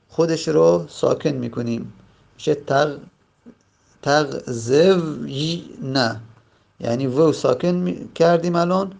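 A man teaching a grammar lesson, explaining step by step and drawing out example words slowly. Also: a little high, gravelly, a little mellow. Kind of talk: classroom lesson.

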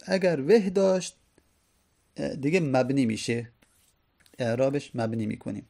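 A man teaching a grammar lesson, explaining patiently and repeating each example slowly. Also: mid-range voice, animated, gravelly, warm tone.

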